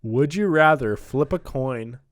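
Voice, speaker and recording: A man's voice: mid-range voice, lively intonation, a little slow. A young man hosting a podcast in casual banter, rambling in slang and leaning on "like" and "dude". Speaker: podcast host.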